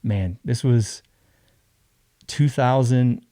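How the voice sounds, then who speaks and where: A young man telling a story casually as a podcast guest, acting out other people's lines in an animated way. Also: medium pitch, drawn-out words, no room sound, studio quality.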